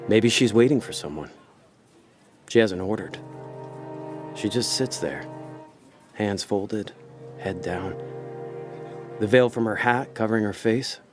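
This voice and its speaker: Slow and full of long pauses, a fairly low-pitched man voices a cynical, laid-back con man in a noir radio drama. His delivery is hardboiled, wry, slangy and world-weary, set over prominent background music.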